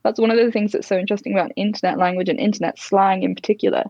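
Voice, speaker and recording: A woman's voice: mid-range voice, steady tone, racing, warm tone, dry recording, dull audio. A young woman from Durham with a posh English accent and northern short A's, chatting reflectively in casual conversation as an interview guest. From Durham, northern England. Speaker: interview guest, Oxford student.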